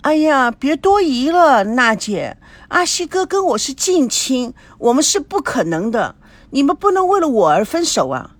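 A woman's voice: high-pitched, big pitch swings, no echo. Woman doing a whiny, pouty teen girl. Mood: anxious. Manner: whiny, pouty, rapid questions. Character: spoiled, excitable teenage girl.

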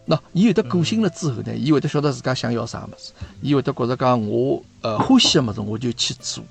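A man's voice: mid-range voice, lively intonation, quick pace, gravelly, slightly rough, soft background music. A man in his fifties with a Shanghainese accent, hosting a casual chat and often checking that his guest agrees. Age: 50s. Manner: chatty, often asks for agreement. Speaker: host.

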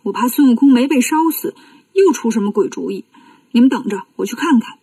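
A woman's voice: a little high, lively intonation, fairly quick, warm tone, no echo, recorded from a distance. A woman voicing a boastful, mocking fire-breathing demon boy in a children's storybook reading. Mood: cocky.

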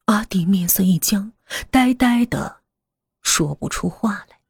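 A woman narrating a horror story in a hushed voice that often drops to a half-whisper. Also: medium pitch, lively intonation, measured pace, vocal fry, breathy edge, no echo.

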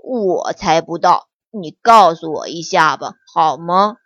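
A woman voicing a clumsy, good-natured young male bear who pants and pleads in a lower, heavier voice. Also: animated, takes it slowly, a bit bright, no room sound, dull audio, full character voice. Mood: pleading. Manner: panting, straining, whiny pleading. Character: big slow clumsy male bear cub.

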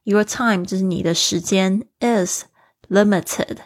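A woman hosting a podcast English lesson, explaining words slowly, spelling them out, and encouraging her listeners directly. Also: medium pitch. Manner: encouraging, talks straight to listeners. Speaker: podcast host and English teacher.

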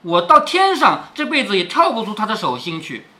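A resolute young maidservant girl who refuses to yield, read by a man in a lively, up-and-down telling. The voice stays bright and ringing, with the plain tone of a storybook reading rather than full acting. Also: high voice, a little fast, heavily acted. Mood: defiant. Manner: read aloud in a storyteller's voice, barely changed. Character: defiant teenage maidservant girl, desperate and resolute.

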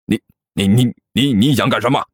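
A man's voice: medium pitch, fairly quick, husky, close to an everyday voice. A man voicing a bumbling male street robber who blusters and stammers in an audiobook story. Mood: blustering. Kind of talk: storytelling character voice.

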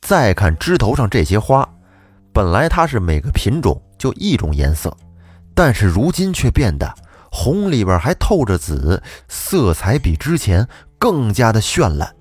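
A man tells an old folk tale with a very lively, swooping pitch, slipping into the characters as he goes. He is recorded close and dry, with faint music underneath. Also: measured pace, breathy edge, dry recording. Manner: lively, acts out characters with shifting voice. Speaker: storyteller host. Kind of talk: storytelling a classic folk tale.

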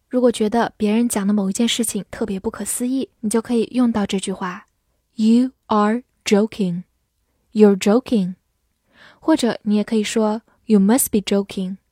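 A woman whose first language is Mandarin teaches English vocabulary from a script. She spells words letter by letter and reads example sentences slowly. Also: mid-range voice, a little mellow, no echo, studio quality. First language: Mandarin Chinese.

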